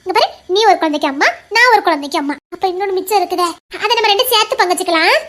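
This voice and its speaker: A woman's voice: very high-pitched, very fast, fairly bright tone. An actress playing an affectionate young village wife who reassures her family with fond chuckles, speaking with a Tirunelveli accent. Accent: Tirunelveli Tamil. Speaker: actress in a family web drama. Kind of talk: village family drama acting.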